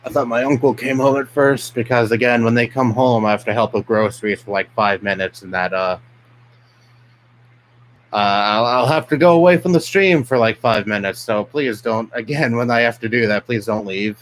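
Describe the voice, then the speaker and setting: A man's voice: mid-range voice, moderate pace, rough recording. A young man from New York City, a streamer ranting bluntly and profanely in casual live-stream chat. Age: young adult.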